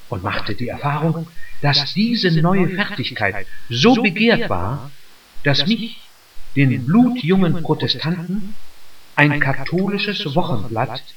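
A man reading a first-person memoir for radio, telling it in a measured storytelling manner. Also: on the high side, distant mic. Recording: dull roomy radio recording from afar.

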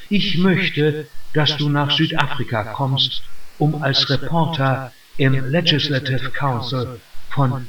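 A man voicing an older colonial gentleman politician, gruff and curious, speaking in a slow, low murmur. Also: recorded from a distance. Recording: dull roomy radio recording from afar.

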